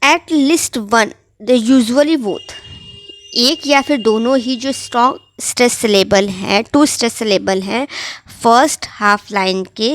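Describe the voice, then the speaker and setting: A woman teaching literature, reading lines slowly and then explaining them in Hindi with rhetorical questions. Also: fairly high pitch, no room sound. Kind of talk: explaining a text line by line.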